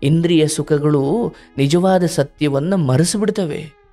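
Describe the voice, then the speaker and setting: High-voiced man giving fatherly counsel. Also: takes it slowly. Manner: warm, fatherly, preaching advice with acted quotes. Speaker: spiritual counselor hosting a call-in show. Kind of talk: live call-in counseling talk.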